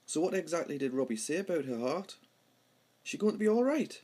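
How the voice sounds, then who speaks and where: An amateur script reader with a Houghton-le-Spring pitmatic accent from North East England reads play dialogue in a dramatic read-through. His fairly high, mellow voice is very animated and brisk, with a breathy edge.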